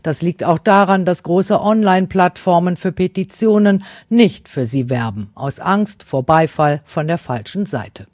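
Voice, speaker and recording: Woman, news reporter, scripted narration, measured, dry close sound. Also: on the low side, no room sound. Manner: measured, even delivery.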